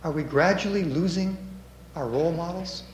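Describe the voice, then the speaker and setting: A man preaching a sermon and reading scripture aloud, with a measured, emphatic delivery and dramatic rises. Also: on the high side, echoey room, slight background noise.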